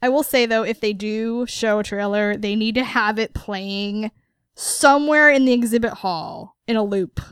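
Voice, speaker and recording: A woman co-hosting a casual podcast, joking sarcastically and laughing between remarks. Her voice sits fairly high and smooth, with an unhurried pace, recorded dry and close. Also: no room sound. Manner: giggly, sarcastic, laughs often. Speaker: podcast co-host.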